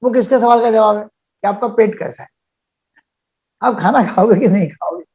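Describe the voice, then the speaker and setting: A man's voice: high-pitched, moderate pace, a little mellow, husky. An older man, a psychiatrist leading a live webinar over a video call, explaining by acting out little dialogues.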